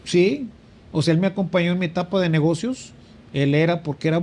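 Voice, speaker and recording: This priest's voice is high, brisk, and slightly mellow. His spiritual reflection is conversational and reflective, peppered with fillers, and he often rises in pitch to stress a point.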